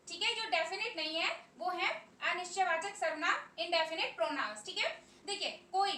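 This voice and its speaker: A very high-pitched woman with an Indian accent teaches a classroom grammar lesson, slowly drilling lists of words and repeating each one. Her voice is bright and carries, and she sounds distant from the mic in an echoey room with faint noise behind her. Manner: slow, repetitive drilling of word lists.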